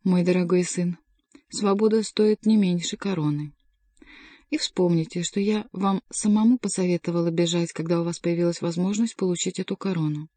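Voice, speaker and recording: Cold queen mother, read by a woman, calm and detached, dark dry voice. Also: lowish voice, normal speed, dry recording, lightly acted. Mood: cool.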